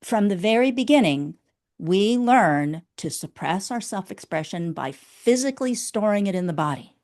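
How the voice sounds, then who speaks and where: The inner critic specialist, a guest in an interview, walks through her ideas step by step in a teacherly way, often adding a quick "okay?". Her pitch sits mid-range, with a slightly mellow tone.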